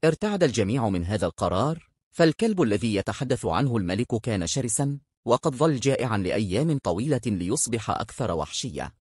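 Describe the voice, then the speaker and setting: Husky male storyteller with a lively delivery. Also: medium pitch, quick pace, dry recording, clean studio sound. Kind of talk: scripted story narration.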